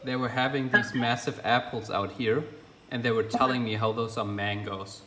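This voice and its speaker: A man's voice: medium pitch, steady tone, moderate pace. A young man from Germany chatting casually in his vlog, laughing often and swearing lightly. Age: young adult. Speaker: vlogger. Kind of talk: casual vlog chat on a call. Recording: roomy echo, faint room noise.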